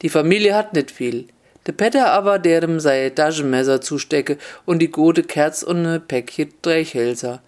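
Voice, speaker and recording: A man's voice: a little high, normal speed, darkish tone. A man reading a fairy tale aloud, telling it in a folksy way with dialect words. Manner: folksy, mixes dialect into the narration. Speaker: storyteller.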